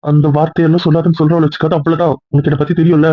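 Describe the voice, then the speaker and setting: A man plays a possessive young husband in a homemade audio drama, rattling off his lines fast in a slightly raised, husky voice. The sound is thin and phone-like, with no room around it. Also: on the high side, flat delivery, no room sound, lightly acted. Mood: insistent. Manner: pleading then insistent, quick. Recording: tinny phone-like dry sound.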